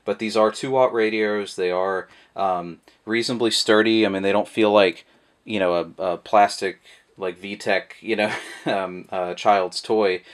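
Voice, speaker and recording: Speaking a little slowly in a voice on the low side, a product reviewer demonstrates how something works. He's relaxed and meandering, with many fillers, and the camera mic picks him up at an indoor table.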